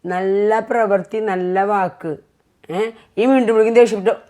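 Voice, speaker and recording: A woman's voice: medium pitch, steady tone, normal speed, warm tone. A middle-aged woman speaking as a mother in a casual family vlog, lecturing earnestly and repeating her points. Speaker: mother vlogger.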